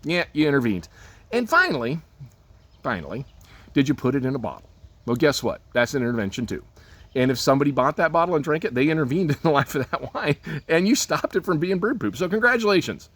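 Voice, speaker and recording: A man's voice: fairly high pitch, sing-song, brisk, a bit bright. A man winemaker ranting casually to camera, full of sarcastic rhetorical questions and folksy asides. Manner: folksy, swears lightly, laughs at own jokes. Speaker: winemaker giving a rant. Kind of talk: casual spoken rant to camera.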